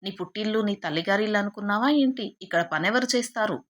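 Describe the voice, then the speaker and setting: A woman narrating a storybook who voices a harsh stepmother that shouts at one daughter and pampers the other. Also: medium pitch, quick pace, close to an everyday voice. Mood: scolding. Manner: sharp scolding shouts and sudden sugary pampering. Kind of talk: storybook narration with acted quotes.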